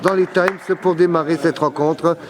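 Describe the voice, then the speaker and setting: Halting male sports commentator, noisy crowd behind. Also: on the high side, steady tone. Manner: halting, searching for words. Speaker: match commentator. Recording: loud sports hall crowd and bouncing balls. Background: crowd and ball bounces.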